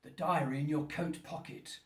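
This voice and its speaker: A man's voice: fairly high pitch, fairly even intonation, lightly acted. A man playing Frankenstein's lonely creature in a radio play, eloquent, brooding and grand in delivery. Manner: slow, grandiloquent, pleading and menacing delivery. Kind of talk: theatrical radio play acting. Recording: roomy echo, distant from the mic.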